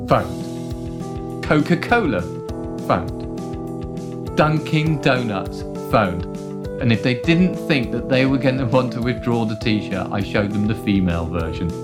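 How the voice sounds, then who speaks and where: A man telling wry, animated stories in a documentary interview. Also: mid-range voice. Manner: animated, wry anecdotes with playful quoted voices. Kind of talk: storytelling interview.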